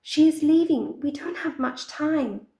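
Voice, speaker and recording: A woman voicing an urgent, careful female sea companion in a whispered role-play, speaking in hushed tones. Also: sits high, unhurried, reverberant, pitched above the performer's own voice.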